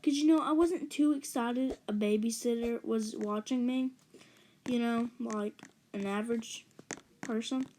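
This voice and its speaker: A woman's voice: fairly high pitch, measured pace, darkish tone, slight background noise, rough recording. A woman casually telling a personal story while playing a game, rambling and chatty, with gasps for effect. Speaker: gaming channel storyteller. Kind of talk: casual story narration over gameplay.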